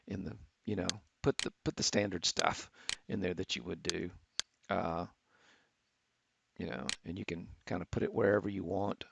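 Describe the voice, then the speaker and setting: A middle-aged man teaching architecture students, talking through a software tutorial with many fillers and restarts. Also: fairly low pitch, vocal fry, noisy background. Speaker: architecture instructor. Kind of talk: screen-recorded software tutorial. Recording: dull, lo-fi screen capture.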